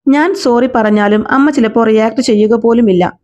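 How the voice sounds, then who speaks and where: Stubborn teen girl read by a woman, curt and defiant, mellow slightly high voice, lo-fi. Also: normal speed, lightly acted. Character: sulky stubborn eighteen-year-old girl. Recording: slightly dull lo-fi recording.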